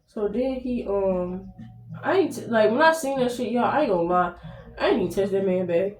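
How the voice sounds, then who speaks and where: A woman's voice: medium pitch, a little mellow. Slangy American woman in an echoey room. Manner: slangy, heavy swearing, blunt. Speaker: vlogger. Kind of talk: casual storytelling to viewers. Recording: roomy echo, distant mic, faint noise.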